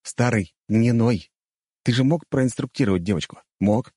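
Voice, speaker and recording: A man's voice: mid-range voice, moderate pace, mellow, no echo, clean studio sound, voice pushed up, close to an everyday voice. A man voicing a confident, teasing young male mage in an audiobook, smug and wry.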